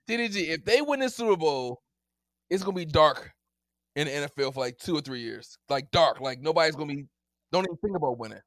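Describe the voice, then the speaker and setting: A man's voice: fairly high pitch, lively intonation, brisk, a bit bright, no room sound, studio quality. A man co-hosting a podcast, debating football in a casual, teasing way and laughing often. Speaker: podcast co-host.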